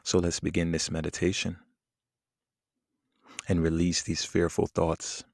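A man leading a guided meditation in a soothing, unhurried manner with long pauses between phrases. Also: deep voice, monotone, creaky, dry recording, studio quality. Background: soft plucked guitar music.

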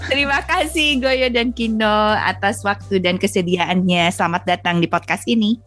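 A woman hosting a podcast, introducing the episode in a calm, measured way. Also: medium pitch, soft background music. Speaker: podcast host.

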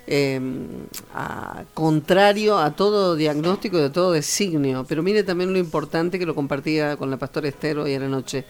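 A co-host with an Argentine Spanish accent, speaking fervently about prayer and announcing a church prayer service. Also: medium pitch. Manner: fervent, reads scripture slowly and gives church announcements. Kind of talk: devotional talk with announcements.

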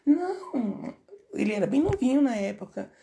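A playful woman co-hosting a relaxed chat. Her intonation swings widely up and down, and the recording has a roomy echo. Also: high voice, moderate pace, vocal fry, crowd noise. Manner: lively, laughing, playful. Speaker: podcast co-host. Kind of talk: casual chat.

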